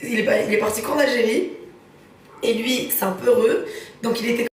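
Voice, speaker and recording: A young woman hosting a live stream, telling a story in lively, slangy casual talk. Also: on the high side, brisk, a little hiss or hum. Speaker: livestream host. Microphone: phone. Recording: roomy, far from the phone mic.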